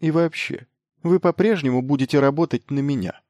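A man reading an audiobook voices a young male mercenary lord who talks briskly, commanding and ironic. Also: a little high, darkish tone, no room sound, clean studio sound, voice pushed up, lightly acted. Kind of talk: audiobook character voice.

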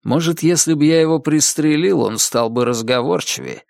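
A man reading a dark first-person story as an audiobook narrator, in a measured storytelling manner. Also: fairly high pitch, creaky, dry recording, clean studio sound.

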